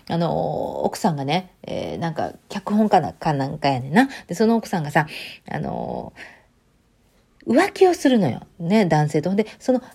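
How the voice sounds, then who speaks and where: A woman's voice: on the low side, mellow. A woman with a Kansai accent talking casually and chattily to her audience, mixing standard and Kansai speech. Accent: Kansai Japanese. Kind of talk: casual monologue.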